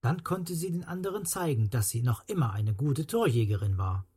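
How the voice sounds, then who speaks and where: A storyteller reading a children's story aloud with lively, expressive delivery. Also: mid-range voice, normal speed, husky. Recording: faint music behind.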